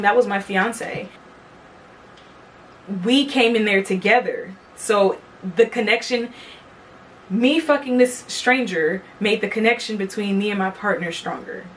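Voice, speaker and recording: A woman's voice: mid-range voice, distant mic, low-quality recording. A young woman hosting a podcast, telling a personal story in a candid, profane, chatty way. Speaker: podcast host. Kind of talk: casual storytelling monologue. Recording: from the mic, faint background noise.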